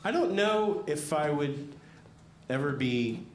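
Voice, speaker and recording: A man's voice: on the high side, expressive, slow. A man doing conversational, wry observational stand-up comedy in a club, with audience laughter. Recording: echoey club room, clear background noise. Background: crowd laughter.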